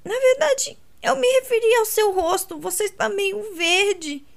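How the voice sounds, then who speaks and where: A woman's voice: unhurried, vocal fry, exaggerated voice. Woman voicing an alarmed young sister. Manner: high, alarmed calls.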